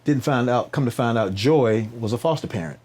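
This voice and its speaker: Speaking briskly in a mid-range, darkish voice, a man who founded a nonprofit tells animated stories as a podcast interview guest. Like a preacher, he repeats points for emphasis, asks rhetorical questions and keeps checking in with tags.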